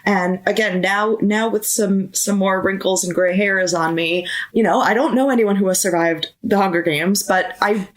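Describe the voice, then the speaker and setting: A woman's voice: medium pitch, fairly even intonation, normal speed, few pauses. A woman co-hosting a book podcast, speaking earnestly and stammering a little when moved. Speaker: podcast co-host. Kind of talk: casual book discussion.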